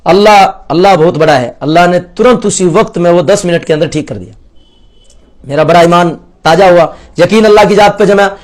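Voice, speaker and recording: Earnest high-voiced man telling his story. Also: fairly quick. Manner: earnest, storytelling with quoted dialogue. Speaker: convert sharing his story. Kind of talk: personal testimony.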